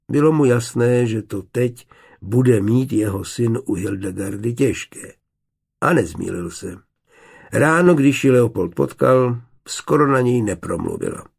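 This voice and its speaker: A man narrating a novel in a measured, even storytelling manner. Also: fairly low pitch, creaky, slightly rough. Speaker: audiobook narrator. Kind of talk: scripted narration.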